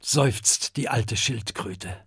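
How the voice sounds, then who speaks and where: A middle-aged man narrating a children's audiobook in a calm, expressive storytelling manner. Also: mid-range voice, drawn-out words, slightly rough, dry recording, clean studio sound.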